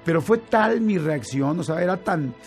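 A man with a Mexican Spanish accent recounts a story in relaxed conversation. His voice sits slightly high for a man, and his telling is lively and full of fillers and restarts. Faint music plays underneath. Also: moderate pace. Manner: animated, with many fillers and restarts. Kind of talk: casual storytelling chat.

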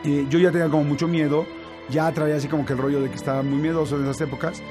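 A man with a Mexican accent telling a personal story in casual chat, animated and full of fillers and restarts. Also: on the high side, rapid-fire, over music. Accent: Mexican Spanish.

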